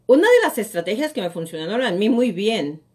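A middle-aged woman who coaches in real estate and hosts a live show delivers an emphatic motivational talk, often repeating phrases. Her medium-pitched voice is sing-song and a little fast.

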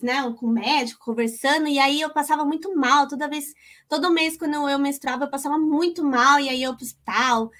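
High-voiced chatty woman. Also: fairly bright tone. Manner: chatty and emotional, addresses listeners as gente. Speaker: co-host. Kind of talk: casual Bible talk with personal story.

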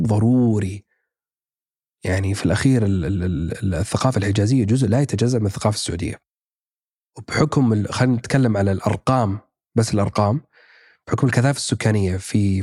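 A man's voice: fairly low pitch, mellow, slightly rough, no room sound, studio quality. A man, chatting casually as a podcast guest, thinking aloud with many fillers and restarts. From Saudi Arabia. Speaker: podcast guest, actor and writer. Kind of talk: casual chat.

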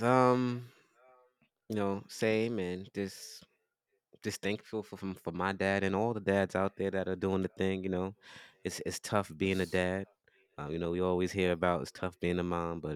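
A man's voice: low voice, fairly even intonation, measured pace, pauses often, clean tone, no room sound. A man in his thirties, a podcast co-host, chatting in a laid-back way with frequent sighs and laughs. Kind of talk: casual chat.

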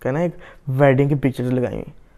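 Mellow-toned male co-host. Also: medium pitch. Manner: animated storyteller, asks many questions. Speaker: podcast co-host. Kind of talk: casual chat.

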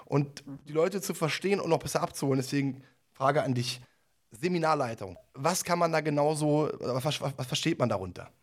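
A man hosts a podcast interview in a slightly high, brisk voice. His manner is friendly and conversational, rambling a little and often repeating words.

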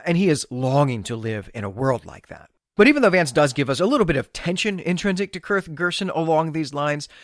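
A man hosts a podcast of semi-scripted literary review commentary, speaking emphatically and enthusiastically with conversational asides. His voice is mid-range, and the sound is clean studio quality with no room sound.

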